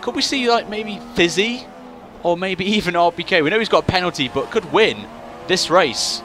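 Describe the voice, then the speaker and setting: A man with a somewhat high voice commentates live on motorsport. He analyses and speculates aloud, often posing questions. There is faint engine noise in the background. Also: animated, moderate pace, pushed and bright.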